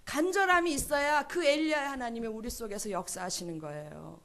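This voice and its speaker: A woman's voice: a little high, a little fast, fairly bright tone. A woman preaching a sermon at a church service, emphatic and full of rhetorical questions. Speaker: pastor's wife preaching.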